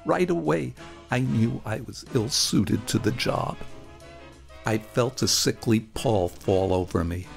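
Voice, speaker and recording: With a lowish, creaky, gravelly voice, a male storyteller from Brooklyn, New York, reads a first-person memoir from a script. His delivery is theatrical and deliberate, with words stretched for emphasis, over faint background music.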